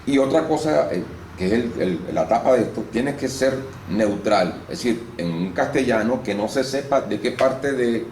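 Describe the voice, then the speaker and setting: A man's voice: mid-range voice, moderate pace, hardly any pauses. A man, an actor and voice-over artist in a casual interview, explaining at length and with some restarts. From Venezuela. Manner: explanatory, lively storytelling with restarts. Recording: roomy room with faint noise.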